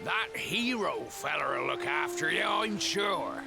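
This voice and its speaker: An actor playing a gruff but kindly old sailor-like man in a video game, with folksy, weary speech and a gravelly voice. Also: a little high, animated, slow pace, heavily acted. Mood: kindly advising. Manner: folksy, old salt's dialect. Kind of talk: video game character acting. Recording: game music behind. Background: game music.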